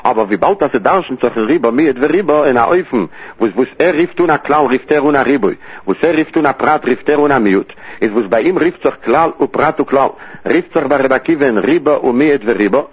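A man teaching a Talmud lesson, his voice husky and a little breathy. He talks in a rising, sing-song study cadence. The sound is narrow and tinny, like a phone line. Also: mid-range voice, expressive, fairly quick.

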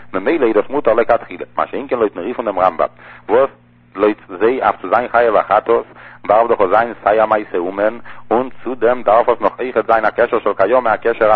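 A man with a husky, somewhat low voice rattles through a religious law lesson at a fast clip. He keeps circling back to repeat key phrases as he explains. The sound is thin and tinny, like a phone line. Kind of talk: text-study lesson.

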